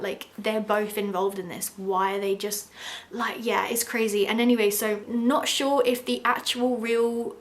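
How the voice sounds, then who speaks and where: A young woman giving a chatty, casual commentary, full of fillers as she retells scenes. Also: medium pitch. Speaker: video essayist reviewing a TV series.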